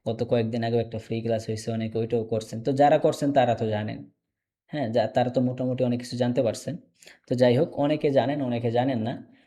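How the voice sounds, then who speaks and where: A man teaching a casual online English class, repeating each word slowly for learners. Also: medium pitch, warm tone. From Bangladesh. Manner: repeats words slowly, drills.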